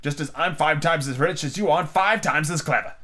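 A man voicing a haughty, argumentative storybook queen in a high put-on voice, emphatic and scolding. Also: a little fast, sharp tone.

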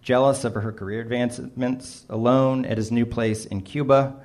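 A man's voice: medium pitch, fairly even intonation, normal speed, darkish tone. A middle-aged man reading his own humorous personal essay aloud, with a dry, self-mocking delivery. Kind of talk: first-person storytelling, wry and humorous.

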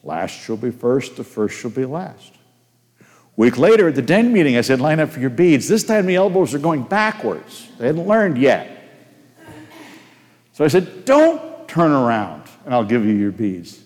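An older pastor delivers a sermon in a folksy, anecdotal way, pausing to ask his congregation questions. His voice sits at an ordinary middle pitch. The church sanctuary gives it a long, ringing reverb. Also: very animated, a little mellow. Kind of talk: sermon with personal storytelling. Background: long hall reverb.

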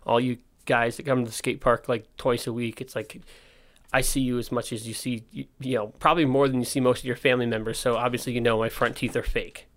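On his informal solo podcast, a skate park owner speaks fast in a medium-pitched, slightly bright voice with little pitch movement. His missing front teeth lend a slight lisp. Candid and rambling, he often interrupts himself to rework what he's saying.

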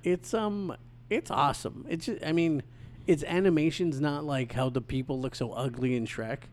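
A man's voice: on the high side, normal speed, a little mellow. Chatty man who laughs easily. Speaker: podcast guest. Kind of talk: casual chat.

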